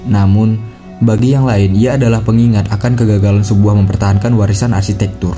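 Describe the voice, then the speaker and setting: A man reading a scripted horror narration as a storyteller. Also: fairly low pitch. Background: background music.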